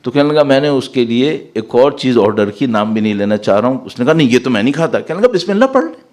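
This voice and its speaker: A man giving a sermon as a cleric, explaining verses and asking his listeners rhetorical questions. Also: mid-range voice. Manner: lively, rising sharply when reciting Arabic verses; asks the audience rhetorical questions. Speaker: Shia cleric.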